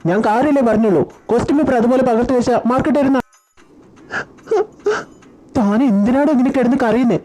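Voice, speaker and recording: Strict male teacher in a fan audio drama, a woman doing him, rattles off a telling-off quick, mellow tone. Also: a little high, lightly acted, low-quality recording. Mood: stern. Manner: stern, rapid scolding. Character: strict male schoolteacher, scolding a weak student.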